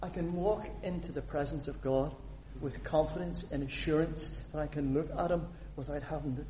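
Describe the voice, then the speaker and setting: Slight background noise sits under this sermon, delivered at normal speed by a man from Northern Ireland with a fairly high voice. He is animated, asking the congregation questions and reading scripture aloud while the church hall's long reverb rings out.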